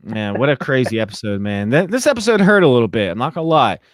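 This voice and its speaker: Talking fast in a medium pitch, a young man on his podcast excitedly summarizes a TV episode, slipping into quoted voices for the characters. The casual chat is captured in clean studio quality without echo.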